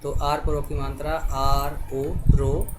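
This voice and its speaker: A man teaching a spelling lesson, spelling words out letter by letter and often pausing to check that the viewer is following. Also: mid-range voice, monotone. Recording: noisy background hiss.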